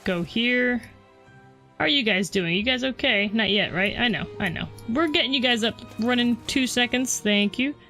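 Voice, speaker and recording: A woman with a fairly high, bright, forceful voice hosts a let's play at a moderate pace, with faint music in the background. She chats casually with her viewers and pokes fun at her own mistakes as she gives relaxed gameplay commentary.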